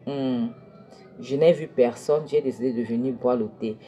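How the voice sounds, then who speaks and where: A woman voicing a cocky, washed-up man who rambles and defies his former friend, in a low voice. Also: normal speed, dark tone, highs cut off, faint music behind. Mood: defiant, rambling. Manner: rambling, defiant. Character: cocky washed-up man lounging where he shouldn't.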